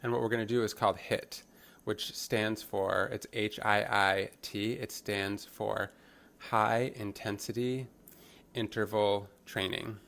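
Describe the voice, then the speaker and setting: Man, low voice, live interpreter, fitness class, upbeat instructions. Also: steady tone, slow, vocal fry, a bit bright. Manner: upbeat coaching, calls out instructions.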